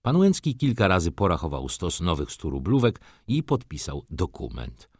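A male audiobook narrator reading a classic novel in a very deep voice. He is measured but expressive, with lively rises and falls in pitch, and the sound is dry and close. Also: slightly rough, no room sound.

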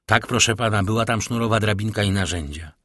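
A man voicing a humble, eager, talkative old prison doorkeeper with a servile, deferential manner and a husky voice. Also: fairly low pitch, quick pace, fairly bright tone, dry recording, clean studio sound.

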